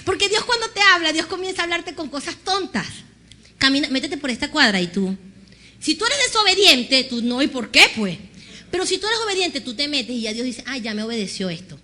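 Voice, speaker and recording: A woman pastor preaching an animated sermon, acting out conversations and having the congregation repeat after her. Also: high voice, fairly quick. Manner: animated storytelling, acts out dialogue with God.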